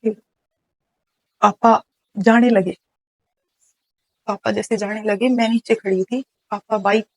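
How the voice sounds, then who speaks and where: A woman's voice: medium pitch, steady tone, slow, long pauses, a little mellow, poor audio. Brief: young woman from Haryana, interview guest, earnest personal storytelling with restarts. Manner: earnest, recounting events with many restarts and quoted dialogue. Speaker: guest telling her life story.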